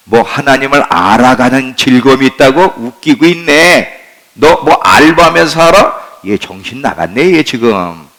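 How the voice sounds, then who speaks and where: A man's voice: fairly bright tone, low-quality recording. A man voicing a scornful person who mocks and scolds a young churchgoer. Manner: mocking, scolding, low and gruff.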